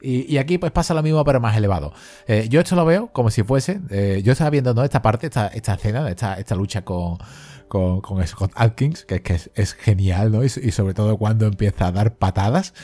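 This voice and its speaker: A man's voice: lowish voice, lively intonation, a little fast, warm tone. A man from Spain co-hosting a casual film discussion, rambling with many fillers and restarts. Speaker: podcast co-host.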